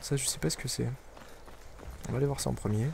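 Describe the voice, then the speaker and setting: A man with a gravelly, creaky voice talks his way through a video game in a loose, wry running commentary. He mutters little asides to himself as he plays, over a noticeably noisy background. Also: mid-range voice, steady tone, quick pace. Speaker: let's play gamer. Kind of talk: casual gameplay commentary.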